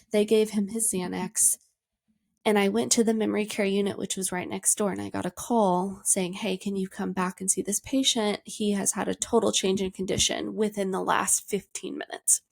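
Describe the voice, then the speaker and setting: A woman speaking as a hospice nurse in a calm, reassuring and confident tone with little inflection, giving an educational talk with personal stories. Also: mid-range voice, gravelly.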